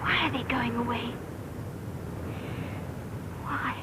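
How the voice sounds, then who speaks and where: An actress playing a gentle young castaway mother, speaking softly and earnestly in 1940s film style. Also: a little high, slow, noisy background. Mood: tearful. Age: young adult.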